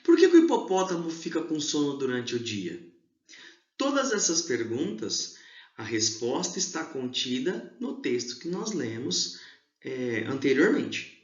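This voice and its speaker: A male teacher giving an exam review lesson to schoolchildren, explaining slowly and stressing key syllables. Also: a little high, very animated. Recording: echoey room, dull lo-fi sound.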